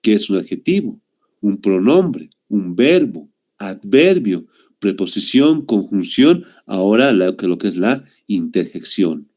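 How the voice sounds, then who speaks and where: A young man with a somewhat low, sing-song, a little mellow voice teaches a class over a video call at a measured pace. Patient and explanatory, he keeps asking "¿no?" after each point and repeating "muy bien" throughout the online lesson.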